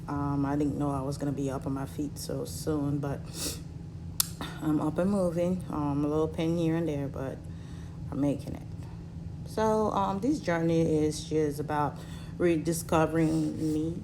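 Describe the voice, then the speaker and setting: A woman in her thirties from Cameroon, telling her own story to her viewers in a halting way with many fillers, while recovering from surgery. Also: sits low, steady tone, background noise. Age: 30s. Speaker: vlogger.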